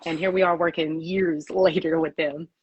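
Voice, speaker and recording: A woman's voice: low voice, fairly even intonation, moderate pace, breathy edge, lo-fi sound. A woman publicist answering interview questions, emphatic and repeating her key points.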